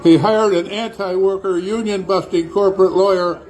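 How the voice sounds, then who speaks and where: A man's voice: sits high, fairly even intonation, normal speed, a little mellow, poor audio. Man giving an earnest rally speech. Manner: earnest, with some hesitations. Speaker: rally speaker. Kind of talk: political speech. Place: outdoor protest rally.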